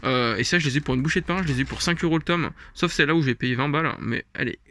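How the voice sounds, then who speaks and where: A man's voice: a little high, racing, sharp tone, a little hiss or hum. A man casually showing off his comic book collection, rambling with many fillers and little chuckles. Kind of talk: casual show-and-tell vlog.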